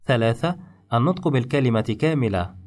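A man teaching in measured, step-by-step instructional narration. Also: mid-range voice, expressive, darkish tone. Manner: measured, explains rules step by step.

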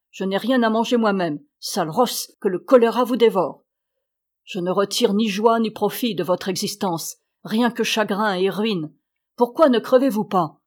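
A woman voicing a grumpy, miserly old man who shouts scornfully at his animals in an audiobook. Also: on the high side, natural voice. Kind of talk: audiobook character voice.

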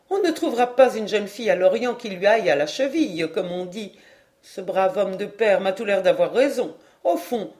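A woman's voice: mid-range voice, a little mellow, lightly acted. A woman reading an audiobook voices a fussy middle-aged mother who talks in a chatty, slightly huffy way. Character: fussy middle-aged French mother, proud and a bit prim.

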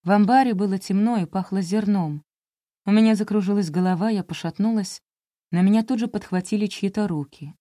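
A woman's voice: medium pitch, brisk, warm tone, dry recording, clean studio sound. A woman narrating a first-person audiobook in a confessional, intimate storytelling manner.

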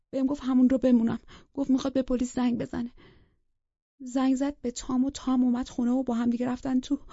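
Husky, gravelly woman narrating a novel. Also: sits high, warm tone, no echo, lo-fi sound. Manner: intimate, tense storytelling, drops to whispers. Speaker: audiobook narrator. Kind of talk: first-person novel narration.

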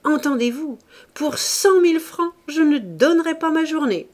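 A woman voicing a passionate young male painter with excited outbursts, in a storybook reading. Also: high voice, moderate pace, pitched above the performer's own voice. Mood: exalted.

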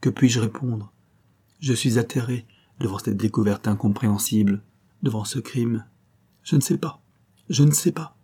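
A man's voice: on the low side, level tone, moderate pace, dark tone, husky. A man voicing a frightened male chief of staff who stammers and pleads his innocence, his voice rising in distress. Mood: distraught.

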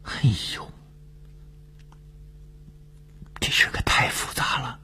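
A man doing a hushed, whispering night-shift colleague. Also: fairly low pitch, big pitch swings, normal speed, husky, voice pushed up, heavily acted. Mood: hushed astonishment.

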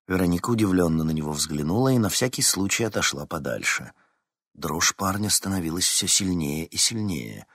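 A man narrates a novel in a low voice that rises and falls with feeling. The sound is close and dry, with no room around it. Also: normal speed, no echo. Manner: expressive, voices each character. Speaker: audiobook narrator. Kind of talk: scripted narration.

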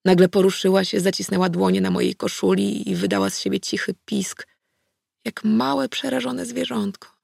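A woman narrating a first-person audiobook in a calm, measured reading voice. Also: medium pitch, gravelly, no room sound, studio quality.

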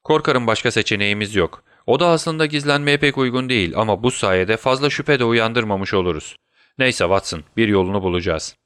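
A man's voice: fairly low pitch, a little fast, a bit bright, clean tone, no echo, studio quality, natural voice. A man voicing a brilliant detective who fakes a deadly illness, switching between urgent orders and weak whispers. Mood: urgent, commanding. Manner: urgent commands, then feeble whispers. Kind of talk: audiobook character voice.

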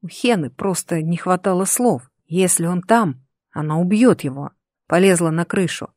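An expressive narrator reads a fantasy novel aloud, keeping the telling lively. The voice sits at a middle pitch, and the close, dry recording has no room sound around it. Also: normal speed, dry recording. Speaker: audiobook narrator.

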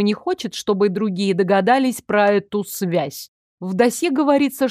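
A woman reading an audiobook voices a sharp-tongued, disapproving older female archivist who talks bluntly and scornfully. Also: medium pitch, no echo, studio quality, close to an everyday voice. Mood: insistent.

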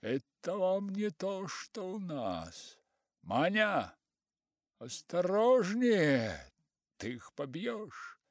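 Man voicing a boastful provincial farm manager: high, loud, fussy, for an audiobook. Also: very animated, extremely slow, no echo, studio quality, full character voice. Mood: fussy, proud. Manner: shouts high down a crackly phone line. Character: excitable middle-aged male farm manager, fussy and boastful.

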